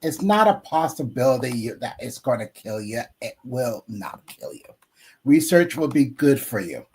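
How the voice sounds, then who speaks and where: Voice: medium pitch, sing-song, moderate pace, a little mellow, slightly rough. A co-host in a casual chat who teases and scolds in a dry way.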